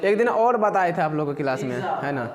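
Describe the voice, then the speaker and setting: A man's voice: fairly high pitch, expressive, fast talker, crowd noise. A man teaching a physics class, who keeps asking the students questions and then answers them himself.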